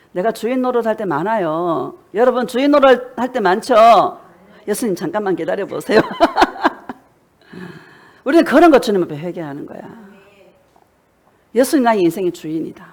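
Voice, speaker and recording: A woman's voice: medium pitch, darkish tone. A woman pastor delivering a fervent sermon, exhorting her congregation and telling stories along the way. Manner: fervent, exhorting with storytelling asides.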